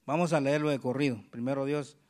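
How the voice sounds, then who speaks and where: A man preaching a sermon, reading scripture aloud slowly and calling the congregation for amens. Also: medium pitch, steady tone, darkish tone.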